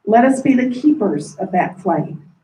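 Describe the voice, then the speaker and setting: A woman giving a formal, measured welcome speech as a dean, her voice coming through a face mask. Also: medium pitch, animated, warm tone. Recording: roomy echo, distant mic.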